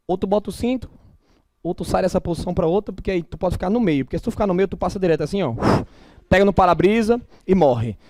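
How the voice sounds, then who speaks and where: A middle-aged man with a Northeastern Brazilian accent, lecturing a class in an emphatic, animated, colloquial way with blunt asides. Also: high-pitched, no echo. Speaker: teacher.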